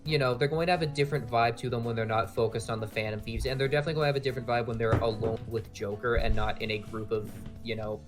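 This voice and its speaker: A man with a mid-pitched voice chatting loosely in a casual debate. He piles up fillers and drops the odd swear word, with faint music under him. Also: steady tone, very fast, hardly any pauses.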